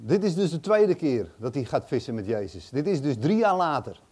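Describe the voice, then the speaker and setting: A man's voice: on the high side, big pitch swings, moderate pace, darkish tone, breathy edge. A man reading a Bible passage aloud and commenting on it casually, thinking aloud with hesitant, chatty asides. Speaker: Bible teacher.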